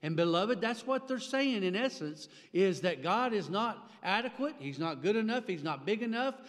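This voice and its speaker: Pastor preaching in a reverberant hall. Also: male voice, sits high, expressive, moderate pace. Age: 40s. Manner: emphatic, gesturing widely, rising for emphasis. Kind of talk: sermon. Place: church sanctuary with chairs behind. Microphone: stand mic at a pulpit. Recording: long church-hall reverb.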